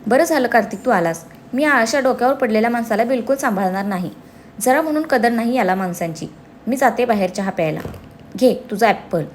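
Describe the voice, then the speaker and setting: A woman voicing an emotional, quick-tempered young woman. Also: on the high side, lively intonation, a little hiss or hum, natural voice. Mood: feisty. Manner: emotional, feisty.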